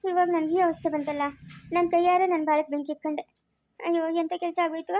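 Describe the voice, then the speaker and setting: Fast-talking high-voiced woman playing a mother. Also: level tone, a little mellow, no room sound, clean studio sound. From Karnataka, India. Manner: scolding, coaxing, quick. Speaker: mother in a family drama. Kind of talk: family moral drama acting.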